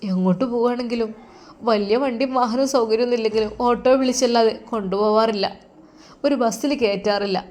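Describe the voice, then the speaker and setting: A woman voicing a grieving middle-aged wife of a sick teacher, speaking softly and tearfully. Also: a little high, steady tone, very fast, hardly any pauses, close to an everyday voice. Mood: tearful pleading. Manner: soft, tearful, pleading.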